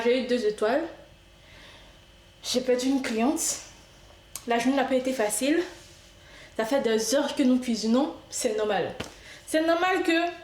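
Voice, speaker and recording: A woman's voice: on the high side, darkish tone, a little hiss or hum. Playful woman chatting over a game. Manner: playful, chatty, talks to game customers as if serving them. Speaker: gaming video creator. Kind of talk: casual gameplay commentary. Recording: echoey room.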